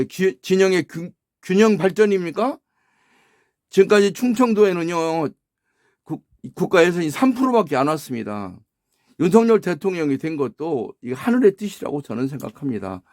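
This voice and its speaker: A man's voice: fairly high pitch, a little mellow, no echo, studio quality. An older man gives a political commentary, talking with passion, firing rhetorical questions and often restarting words. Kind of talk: spoken opinion column.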